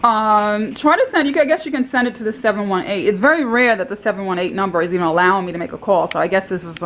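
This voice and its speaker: A woman's voice: medium pitch, fast, fairly bright tone, a little hiss or hum. A woman calling tech support, talking in a rambling, insistent way and repeating herself. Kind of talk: phone call recorded by caller.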